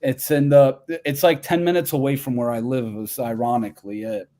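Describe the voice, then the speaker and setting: A man's voice: medium pitch, steady tone, a little fast, dark tone. A man from Albania co-hosting a sports call-in show, chatting casually with many fillers and restarts. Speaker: co-host.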